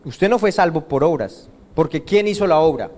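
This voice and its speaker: A man's voice: on the high side, expressive, moderate pace, a little mellow. A man preaching a sermon in church, constantly asking the congregation questions and answering them himself. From Colombia. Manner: call-and-response questioning of the congregation. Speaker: pastor. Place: church service.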